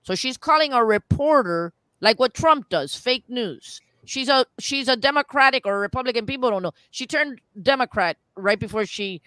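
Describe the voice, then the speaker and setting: Woman cohost, florida accent, reads news articles out loud, animated, dry close sound. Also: on the high side, moderate pace, hardly any pauses, no room sound. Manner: animated, reads quotes aloud with restarts. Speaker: talk show co-host. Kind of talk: political commentary, reading articles aloud.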